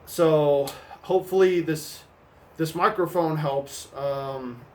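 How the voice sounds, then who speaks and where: A man's voice: fairly high pitch, slow, a little mellow, a little hiss or hum. A nasal-sounding young man, still getting over a cold, explaining a hammer throw technique in a loose, rambling vlog with lots of fillers. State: recovering from a cold. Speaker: hammer throw coach on his channel. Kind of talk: casual instructional vlog. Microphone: new microphone.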